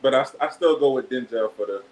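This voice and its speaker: A man co-hosting a casual podcast, halting and repeating himself as he rants. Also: medium pitch, a little mellow, a little hiss or hum, rough recording. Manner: halting, starts with repeated "I"s, ranting. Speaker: podcast co-host. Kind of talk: casual live podcast chat.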